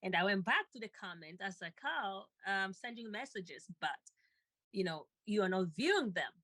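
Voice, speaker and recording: A woman's voice: medium pitch, lively intonation, moderate pace, pushed and bright, no echo. A woman co-host telling a personal story with feeling, often repeating herself and laughing lightly.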